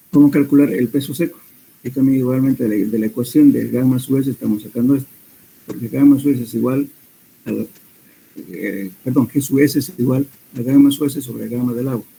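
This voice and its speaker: Un hombre que da una clase de mecánica de suelos, explicando cálculos paso a paso con muletillas y correcciones. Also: male voice, medium pitch, vocal fry, slightly rough, rough recording. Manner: steady explanatory teaching with hesitant fillers and self-corrections. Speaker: soil mechanics lecturer. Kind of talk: classroom lecture.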